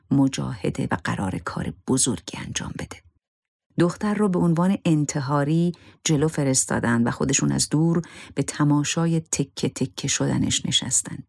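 A narrator telling a dramatic true story in a grave, measured way. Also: medium pitch, gravelly, a little mellow, husky, dry recording, studio quality.

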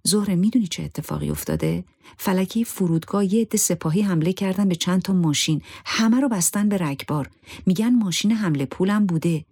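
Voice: mid-range voice, darkish tone, slightly rough, pitched above the performer's own voice. A narrator voicing an alarmed woman neighbor who hurriedly tells bad news.

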